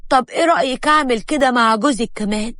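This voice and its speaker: A woman's voice: fairly high pitch, quick pace, fairly bright tone, no room sound, lightly acted. A woman voicing a conniving female friend with an Egyptian accent, sounding irritated and defensive.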